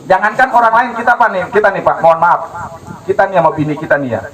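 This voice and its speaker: A man preaching a humorous, animated sermon to a gathering, acting out dialogues and asking the audience questions. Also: sits high, quick pace, low-quality recording. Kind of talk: lively religious sermon. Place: gathering hall with live audience.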